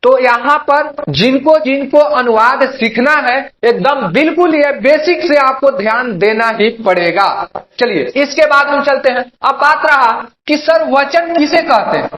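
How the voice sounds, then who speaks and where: His voice is extremely high, bright and forceful, moving a little slowly as this young teacher from Bihar delivers an online grammar lesson. Over and over he questions and then answers himself, addressing students as "babu," in an echoey room captured with poor audio.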